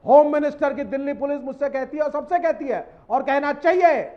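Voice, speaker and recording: Very high-voiced combative male panelist. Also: brisk, highs cut off. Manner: shouting over others, combative. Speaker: debate panelist. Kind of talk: heated TV debate.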